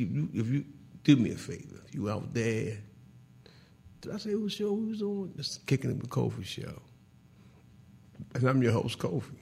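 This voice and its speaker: Gravelly-voiced man hosting a sports talk show. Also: medium pitch. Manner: animated, laughing, teasing rival fans; repeats words and restarts often. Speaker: host.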